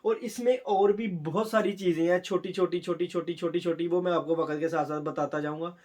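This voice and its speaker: A man whose first language is Urdu, teaching a Korean test in a casual way, explaining step by step and sounding out words slowly. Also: high voice, steady tone, a little mellow. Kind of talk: casual spoken lesson.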